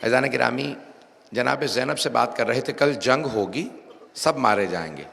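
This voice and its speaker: Gravelly Pakistani preacher in an echoing hall. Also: male voice, mid-range voice. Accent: Pakistani Urdu. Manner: dramatic, voices figures in quoted speech, rises to loud cries. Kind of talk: Shia majlis sermon.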